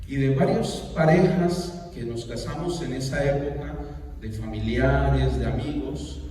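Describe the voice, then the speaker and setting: A man's voice: medium pitch, warm tone, slight background noise. A man in his forties, a pastor, telling a personal story in a sermon, acting out the voices he quotes. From Colombia. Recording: echoey hall, from far off.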